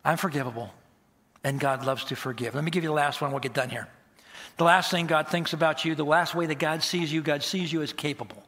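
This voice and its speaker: Guy preaching a sermon, bright voice, punches words then drops quiet. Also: a little high, steady tone, a little fast. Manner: emphatic, swings between loud stresses and quiet asides. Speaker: pastor.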